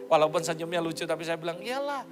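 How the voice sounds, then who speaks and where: A man's voice: on the high side, steady tone, brisk, over music. A male pastor preaching a sermon in a playful, joking way, slipping English phrases into his talk.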